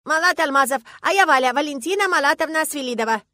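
A woman's voice: high voice, animated, quick pace, pushed and bright, no echo, voice pushed up. A woman voicing a stubborn, indignant five-year-old girl who insists like a strict little teacher. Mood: insistent.

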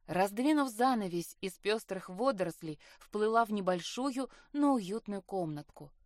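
A woman narrating a fantasy audiobook in a measured, even storytelling manner, recorded in a studio. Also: medium pitch, no echo. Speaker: audiobook reader. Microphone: studio mic.

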